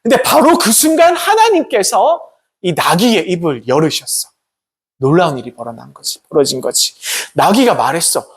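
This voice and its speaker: A man preaching a lively story sermon to students, often asking them questions. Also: sits high, moderate pace, breathy edge. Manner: animated storytelling with questions to the audience. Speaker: pastor.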